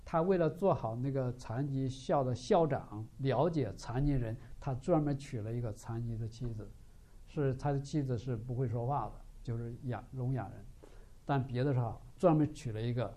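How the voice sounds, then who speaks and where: A man's voice: medium pitch, normal speed. A man preaching a sermon, telling a story and often asking rhetorical questions. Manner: animated, frequent rhetorical questions.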